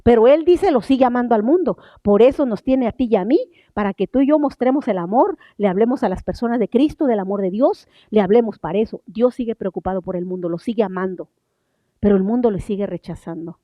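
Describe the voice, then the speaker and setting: Older female preacher, emphatic, slow scripture reading, dry close sound. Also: a little high, animated, no echo, highs cut off. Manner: emphatic, rising on key words, then drops to soft asides; reads scripture slowly and deliberately. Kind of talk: sermon. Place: church sanctuary.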